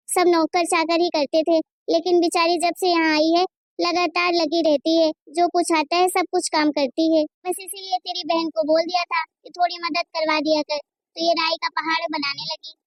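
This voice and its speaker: A woman voicing a fair-minded middle-aged mother in a Hindi cartoon, lecturing her daughter in a high, sing-song tone. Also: flat delivery, moderate pace, no room sound, clean studio sound. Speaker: voice actor.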